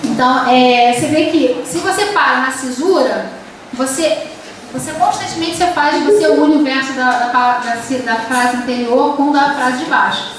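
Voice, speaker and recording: A woman's voice: high-pitched, normal speed, a little hiss or hum. A Brazilian woman professor giving a university literature lecture, explaining with many fillers and restarts and reading verse aloud. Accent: Brazilian Portuguese. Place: classroom. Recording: echoey classroom from far off.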